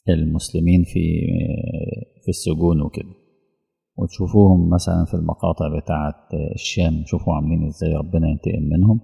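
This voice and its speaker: A man with an Egyptian accent giving a religious lesson in a lively colloquial way, acting out little dialogues. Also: low voice, vocal fry, slightly rough, big-room sound. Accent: Egyptian Arabic. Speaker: preacher.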